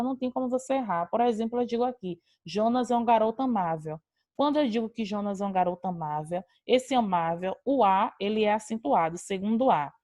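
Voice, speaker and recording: A woman's voice: fairly high pitch, a little mellow, dry recording, studio quality. A woman teacher giving an online class, explaining grammar rules step by step. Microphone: video call.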